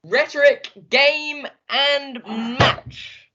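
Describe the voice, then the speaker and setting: A quick-witted young player calling out scores in a word game, played by a young actor, with a husky voice that swoops around a lot. The recording is muffled. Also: mid-range voice, wildly swooping pitch, fairly bright tone, exaggerated voice. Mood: sparring. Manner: crisp, scorekeeping retorts. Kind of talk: stage dialogue.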